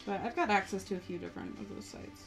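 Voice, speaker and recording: A woman's voice: mid-range voice, fast, low-quality recording. A woman chatting casually off camera on a live stream, giggly and chatty. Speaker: co-host off camera. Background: music.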